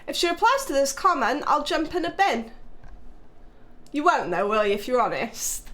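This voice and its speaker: A woman's voice: sits high, sing-song, normal speed, a bit bright. A young English woman hosting a live stream, chatting casually with her chat, swearing freely and teasing people in a playful way. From England. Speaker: livestream host.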